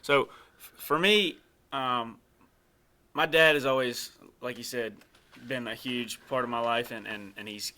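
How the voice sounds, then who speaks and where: A young man hosting a casual interview, easygoing and halting, with frequent fillers and restarts. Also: mid-range voice, bright, forceful tone. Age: young adult. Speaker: host.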